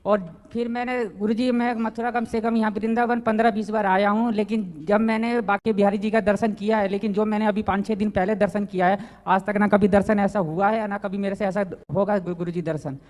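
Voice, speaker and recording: A man in his thirties asking a spiritual teacher a personal question, halting and deferential. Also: high-pitched, little pitch movement, darkish tone. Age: 30s. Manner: deferential, halting, keeps saying guruji.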